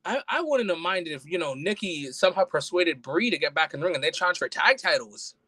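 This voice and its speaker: Man, podcast host, slightly out of breath, blunt and swearing, high-ish voice, dry close sound. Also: animated, brisk, pushed and bright, no echo, poor audio. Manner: blunt, profane, exasperated. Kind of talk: casual solo podcast review.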